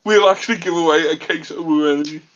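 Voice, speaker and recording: Higher-voiced man hosting casual chat. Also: fast talker, fairly bright tone, muffled recording. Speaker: podcast host.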